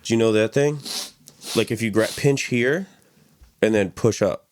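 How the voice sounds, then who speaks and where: A young man co-hosting a podcast, chatting casually in a rambling, animated way and laughing often. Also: on the low side, unhurried, a little hiss or hum. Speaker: podcast co-host. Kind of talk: casual chat.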